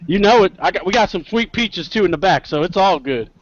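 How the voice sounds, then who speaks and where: A man from the American South hosting a casual podcast interview, excitable and joking, with loud bursts. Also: sits high, fairly quick, lo-fi sound, a crowd in the background. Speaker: podcast host.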